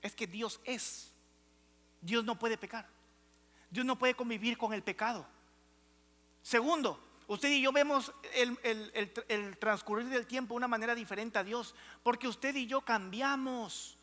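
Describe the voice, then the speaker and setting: In a reverberant church hall, a young adult man preaches as pastor, emphatic and calling out to the congregation. His very high-pitched voice is pushed and bright, and he speaks unhurriedly.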